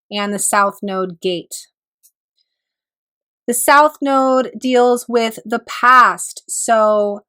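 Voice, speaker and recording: Still recovering from a cold, this woman astrologer gives a thoughtful solo talk broken by pauses and throat clearing. Her voice sits a little high and sounds pushed and bright.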